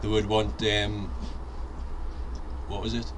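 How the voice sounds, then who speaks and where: A fairly low, monotone male voice takes things slowly; he's a man in his forties from North East England whose Northeast English accent comes through as he rambles casually, full of ums and restarts. This allotment vlogger films outdoors in the garden on a handheld camera mic, then in a shed on a fixed camera, with sirens and traffic outside.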